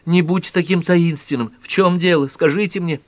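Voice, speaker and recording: A man's voice: a little high, fairly quick, dry recording, dull audio, voice pushed up, natural voice. A man voicing a young woman with a trembling, pleading voice. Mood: shaky pleading.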